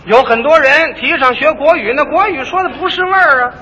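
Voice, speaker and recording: Male crosstalk lead, very high and bright, lively explainer; hissy old archive tape. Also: fairly quick, in a large hall, muffled recording. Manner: lively, explanatory, fond of mimicking street talk. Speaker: lead comic in a crosstalk duo. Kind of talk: stage crosstalk comedy.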